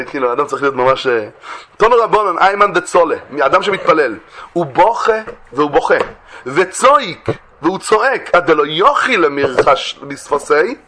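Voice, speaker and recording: A man giving a religious lesson. He reads classic mystical texts aloud, explains them in plain speech, and swings between raised, emphatic phrases and quiet, low asides. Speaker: Torah teacher.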